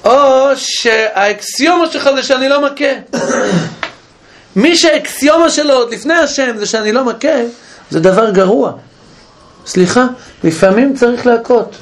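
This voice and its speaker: A man teaching a Bible study class, explaining with questions and frequent restarts. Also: very high-pitched. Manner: questioning, animated, with many restarts.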